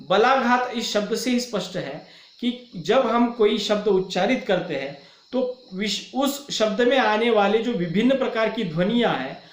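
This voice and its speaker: A man giving a recorded lecture, explaining slowly and stretching out example words. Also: high-pitched, echoey room.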